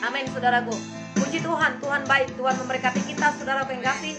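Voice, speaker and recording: A woman's voice: high-pitched, steady tone, fast. A woman pastor, preaching and praying fervently and calling out to her listeners again and again. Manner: fervent, repeatedly calls the listeners "my brothers and sisters". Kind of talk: sermon and spoken prayer. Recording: music playing behind the voice.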